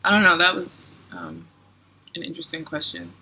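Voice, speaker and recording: Bright, giggly young woman vlogger. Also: deep voice, very animated, normal speed, a little hiss or hum. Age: 20s. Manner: chatty, giggly, lots of "like" and "um". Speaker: travel vlogger. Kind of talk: casual Q&A vlog.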